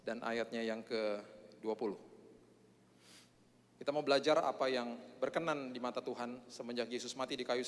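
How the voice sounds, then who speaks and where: A male pastor preaching a sermon with a joking, self-mocking manner and frequent "eh" fillers. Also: medium pitch. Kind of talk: sermon with prayer. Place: church hall. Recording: long church hall reverb.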